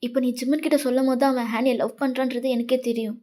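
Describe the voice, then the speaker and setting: An earnest young man, played by a woman, who insists and reassures with urgency. The voice sits a bit high and warm. It is a fan fiction voice-over. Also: flat delivery, fast talker, lightly acted. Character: worried young man comforting a friend.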